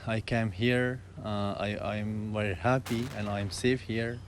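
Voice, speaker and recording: A man's voice: on the low side, fairly even intonation, a little slow, a little hiss or hum. A man from Afghanistan with an Afghan accent, speaking hesitant, broken English with many fillers as a guest in a live TV interview. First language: not English.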